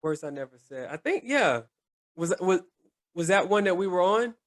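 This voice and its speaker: A man co-hosting a casual podcast chat, halting and repeating words, laughing often. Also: sits high, expressive. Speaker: podcast co-host.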